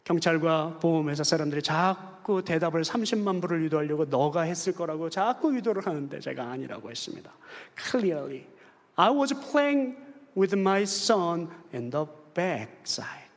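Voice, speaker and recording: A man preaching a Sunday sermon as pastor, telling personal stories in an animated way and acting out quoted voices. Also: a little high, unhurried, long reverb tail. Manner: animated storytelling, acts out quoted voices with bits of English. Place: church sanctuary.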